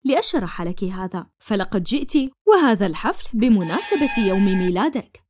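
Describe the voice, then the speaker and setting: A woman voicing an earnest young man in love in an animated cartoon. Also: medium pitch, normal speed, noisy background, close to an everyday voice. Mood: warm. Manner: earnest, pleading. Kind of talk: cartoon dubbing in formal Arabic.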